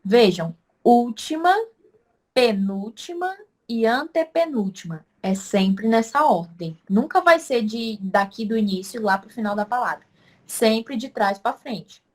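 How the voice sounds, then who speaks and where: A woman teaching a language lesson online, explaining step by step, asking questions and answering them herself, and loudly stressing syllables to demonstrate. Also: a little high, expressive, measured pace.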